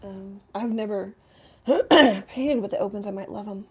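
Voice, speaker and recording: A middle-aged woman teaching painting in a casual live studio chat, hoarse with a frog in her throat, often clearing her throat and apologizing. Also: medium pitch, measured pace, mellow. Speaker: painting instructor. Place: home art studio.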